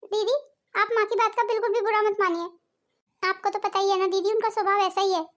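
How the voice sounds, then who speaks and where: A kind young sister-in-law in a cartoon family drama, voiced by a woman. Her voice is very high. She talks in a calm, consoling way. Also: fairly quick. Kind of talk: cartoon voice acting.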